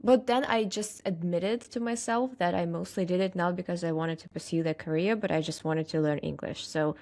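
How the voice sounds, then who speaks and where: A young adult Russian woman with a Russian accent chats casually as a podcast guest in an interview. Her fairly low, steady, slightly mellow voice moves briskly, though she hesitates, uses lots of fillers and laughs often.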